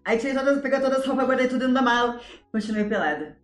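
A woman with a São Paulo accent, a podcast guest telling stories in an animated, laughing way. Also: high-pitched, racing, roomy sound, soft background music. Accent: Paulistano Brazilian Portuguese. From São Paulo, Brazil. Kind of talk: casual interview storytelling.

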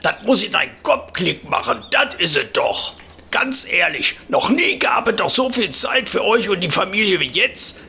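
A man's voice: sits high, big pitch swings, moderate pace, gravelly, bright, forceful tone, a little hiss or hum, pitched above the performer's own voice, heavily acted. A man voicing a chatty, folksy old retired grandpa with a Ruhr area German accent, telling rambling comic stories for a podcast. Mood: chiding, folksy.

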